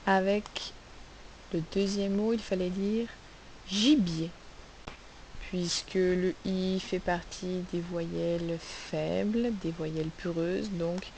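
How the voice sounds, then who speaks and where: A woman teaching a phonics lesson, sounding out letters and syllables slowly and asking the class questions. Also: fairly low pitch, darkish tone, poor audio. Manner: slow, carefully spelled-out sounds, asks questions. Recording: faint hiss.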